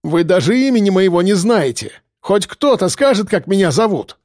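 A man's voice: big pitch swings, unhurried, no echo, clean studio sound, heavily acted. A man voicing a panicking male police captain who shrieks and stammers in desperation. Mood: hysterical. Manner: shrill, screaming and stammering.

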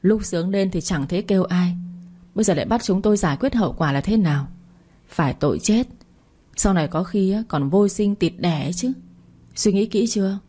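A woman's voice: mid-range voice, animated, a little fast, dark tone, husky. A woman voicing a contemptuous older woman doctor who lectures her patients. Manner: scornful and preachy.

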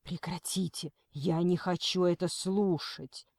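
A woman's voice: lowish voice, steady tone, takes it slowly, a little mellow, no room sound. A woman voicing a frightened yet firm middle-aged mother arguing with a kidnapper. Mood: agitated. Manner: agitated, firm. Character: frantic but stubborn middle-aged mother.

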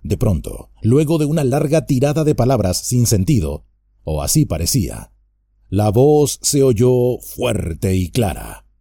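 A man narrating an audiobook with expressive storytelling. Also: medium pitch, unhurried, vocal fry, no echo, clean studio sound.

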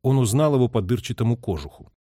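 Male narrator, dramatic literary reading, animated pitch, dry close-mic sound. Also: quick pace, no echo. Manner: expressive, varied reading. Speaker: audiobook reader.

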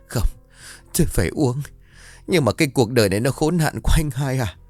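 A man's voice: medium pitch, lively intonation, a little fast, darkish tone, no echo, faint music behind, voice pushed up, close to an everyday voice. A man voicing a grieving middle-aged father, drunk and bitter. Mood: bitter grief. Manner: bitter, agitated.

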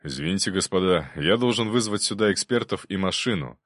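A man voicing a brisk, eager police bailiff who barks orders in an official tone. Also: low-pitched, lively intonation, a bit bright, no room sound, studio quality.

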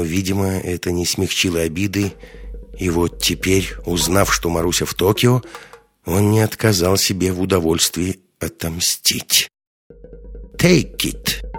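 A man reading a novel aloud as an audiobook, in steady, measured narration. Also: low-pitched. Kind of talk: scripted narration.

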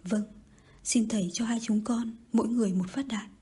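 A desperate young woman begging her father, as a woman narrator plays her. The voice is dark, mellow and very breathy. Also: a little high, fairly even intonation, moderate pace. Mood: pleading. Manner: pleading, begging. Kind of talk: audiobook reading.

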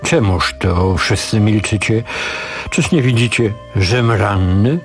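A man reading the lines of a stern, wounded old father who gives gruff commands in a storybook reading. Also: lowish voice, slow pace, soft background music. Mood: grim.

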